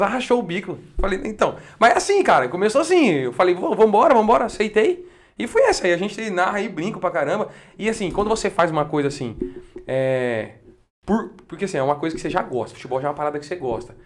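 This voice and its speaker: A man with a São Paulo interior Brazilian accent, a guest chatting casually and laughing often about narrating football. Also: high voice. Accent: Brazilian Portuguese, São Paulo interior. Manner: fast, animated, laughs often. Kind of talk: casual podcast chat.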